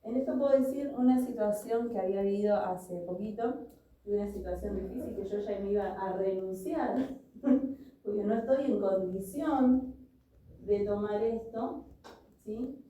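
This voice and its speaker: A woman preaches a sermon, earnestly sharing a personal story and reading from scripture. Her voice is mid-range, mellow and measured, heard from a distance in an echoey room.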